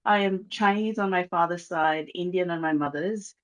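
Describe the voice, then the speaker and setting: Over a video call, a guest speaker from a reconciliation organization gives a formal address at a launch event. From Malaysia and speaking with a Malaysian accent in a mid-range voice, they sound earnest and measured, often pausing with "um."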